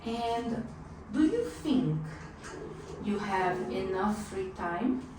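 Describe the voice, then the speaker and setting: A woman acting as an English speaking examiner in a mock test, asking short, clearly paced questions. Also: mid-range voice, animated, drawn-out words. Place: classroom. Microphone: distant room microphone. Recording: echoey room far from the mic, clear background noise.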